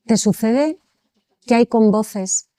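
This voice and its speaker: A woman's voice: fairly high pitch, slow, mellow, no room sound, studio quality. A woman hosting an interview, asking long questions with frequent hesitations. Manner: hesitant, many fillers, builds long questions. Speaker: interview host.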